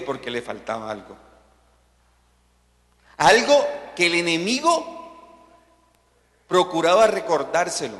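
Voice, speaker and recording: A Colombian man preaches a sermon, throwing rhetorical questions at his congregation. His voice is bright and forceful and sits a little high. The church hall gives it a long, ringing reverb. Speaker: pastor.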